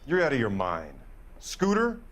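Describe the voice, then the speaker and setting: Animated, defiant crime suspect. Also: male voice, medium pitch, unhurried, a little hiss or hum. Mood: defiant, indignant. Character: defiant, indignant murder suspect. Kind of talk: video game voice acting.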